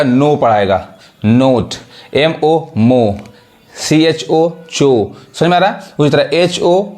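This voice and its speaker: The speaker is a man whose voice is a bit high and slightly mellow, teaching English pronunciation in a classroom. He breaks words into their individual letters and keeps repeating questions to make sure the class follows.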